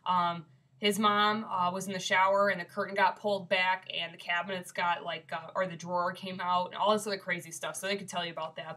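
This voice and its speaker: Her voice is lowish, pushed and bright, yet congested and stuffy: a young woman from Michigan chatting casually to a webcam. She rambles with lots of fillers while telling a ghost story for a casual video submission.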